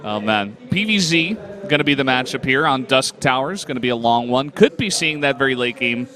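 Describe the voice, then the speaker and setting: A man commentating a live esports match in relaxed, easygoing banter with his co-caster. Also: medium pitch, brisk. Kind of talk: casual live game commentary. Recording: live crowd noise behind the voice. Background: crowd.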